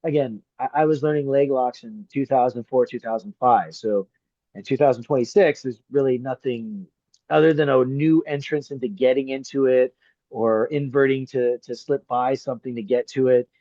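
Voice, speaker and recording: A middle-aged man, a grappling referee and coach, chatting as a podcast guest; he tells stories with lively energy, swears freely, and acts out the people he quotes. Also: medium pitch, normal speed, dry recording. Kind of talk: casual chat. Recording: slightly muffled dry podcast audio.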